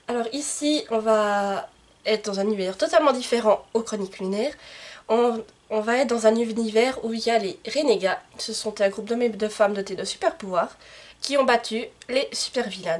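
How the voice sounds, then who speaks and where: A woman book vlogger talking casually to the camera, presenting books with many fillers and self-corrections. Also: fairly high pitch. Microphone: camcorder microphone.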